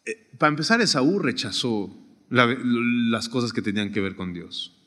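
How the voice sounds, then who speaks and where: Guy preaching, goes loud then real soft, mid voice, big echoey hall. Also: normal speed. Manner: animated preaching, rising high then dropping to a near hush. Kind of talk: sermon. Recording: long hall reverb.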